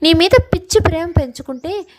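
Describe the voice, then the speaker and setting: A woman's voice: very high-pitched, brisk, pitched above the performer's own voice, rough recording. A woman voicing a heartbroken young man who pleads tearfully and reproachfully with the woman he loves, in a spoken love story. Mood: heartbroken pleading.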